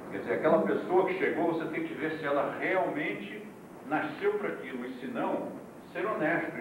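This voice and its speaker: A man teaching a yoga class in a deliberate, explanatory way, heard on an old VHS tape recording. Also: fairly high pitch. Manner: deliberate, explains terms one by one, with asides to the class. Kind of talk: classroom lecture. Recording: echoey, distant, noisy old VHS recording.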